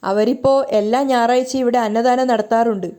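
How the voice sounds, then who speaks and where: A woman's voice: on the high side, steady tone, fairly quick, mellow, lightly acted. A woman reading the lines of an inquisitive middle-aged temple priest in a TV serial recap. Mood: curious. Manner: plain, inquisitive.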